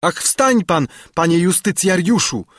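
A man's voice: on the high side, very animated, moderate pace, fairly bright tone, husky, dry recording, studio quality, voice pushed up, full character voice. A man playing an urgent, pleading servant.

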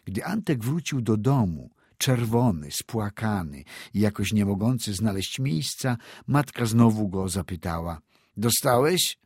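A man narrating a classic short story aloud in a measured storytelling manner. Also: on the low side, animated, darkish tone, breathy edge, no room sound, studio quality. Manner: measured storytelling with acted dialogue. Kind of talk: audiobook reading of classic prose.

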